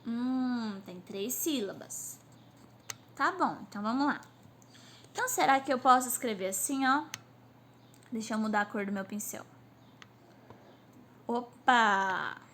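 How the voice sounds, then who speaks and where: Woman teacher drilling syllables slowly. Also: on the high side, animated, a bit bright. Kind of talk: online class lesson. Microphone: phone on a stand.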